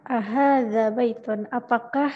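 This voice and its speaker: Woman, Indonesian accent, student, careful, very slow, dull audio. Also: a little high, fairly even intonation. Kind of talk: answering drills in a lesson. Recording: muffled audio.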